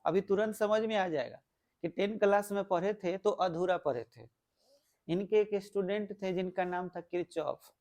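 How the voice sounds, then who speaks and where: A man's voice: high voice, a little mellow. A male physics teacher, giving a classroom lecture, explaining step by step and asking the class questions.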